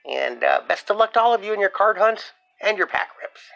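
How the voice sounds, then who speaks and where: A sports card channel host talks casually and upbeat, packed with fillers, first at his home desk and then in a convention hall. His voice sits high, brisk and gravelly with a fairly bright tone and lively intonation, though the highs are cut off.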